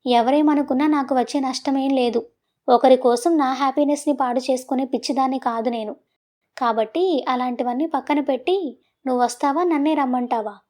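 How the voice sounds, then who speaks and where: A woman's voice: sits high, fairly even intonation, a little fast, a little mellow, lightly acted. A woman voicing a bold young woman teasing and pushing the man she loves in a romantic audio story, coaxing and playful. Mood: defiant. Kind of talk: storybook voice acting.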